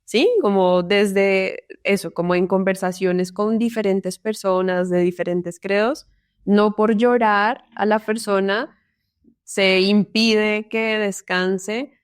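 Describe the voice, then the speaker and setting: Smooth-voiced Colombian woman, reflective. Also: mid-range voice, steady tone, takes it slowly, no room sound, clean studio sound. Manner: reflective, tags sentences with "¿no?". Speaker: psychologist guest. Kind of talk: casual interview conversation.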